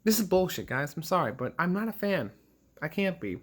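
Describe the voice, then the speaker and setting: A man's voice: high voice, very animated, brisk. A man in his twenties ranting to camera about a game he played, rambling and emotional, swearing often. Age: 20s. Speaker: gaming vlogger. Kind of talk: casual rant to camera.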